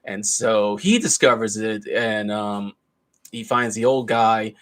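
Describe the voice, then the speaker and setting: A man's voice: on the low side, slow pace, a bit bright. A man giving a casual, rambling film review, retelling the plot loosely with plenty of asides. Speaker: movie reviewer.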